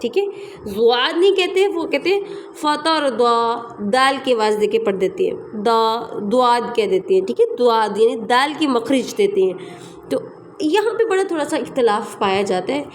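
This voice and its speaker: High-voiced woman teaching recitation. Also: animated, slight background noise. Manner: explanatory, repeats sounds and examples slowly. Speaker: tajweed teacher. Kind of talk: online recitation lesson.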